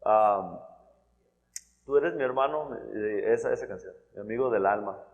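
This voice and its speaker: A man's voice: lowish voice, normal speed, narrow, tinny audio. A man preaching a sermon in an earnest, conversational way, often restarting and checking in with "¿verdad?". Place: church hall. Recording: long church-hall reverb.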